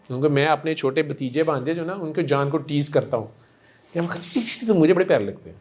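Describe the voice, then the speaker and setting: Soft-spoken guy counseling someone, sweet and coaxing, kinda high voice. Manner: gentle, coaxing, affectionate and repetitive. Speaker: spiritual healer counseling a patient. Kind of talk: one-on-one counseling session.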